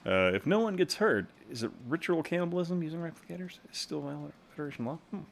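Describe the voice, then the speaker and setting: A man live-streaming a game, reacting excitably to each play, laughing often and chatting with viewers. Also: on the high side, quick pace, creaky, slight background noise. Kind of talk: casual gaming live stream chat.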